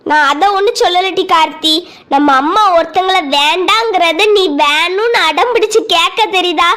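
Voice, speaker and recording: A woman's voice: extremely high pitch, normal speed, bright, forceful tone. A woman voicing a caring, bossy teenage girl in a cartoon, who talks urgently and tries to persuade. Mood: persuasive.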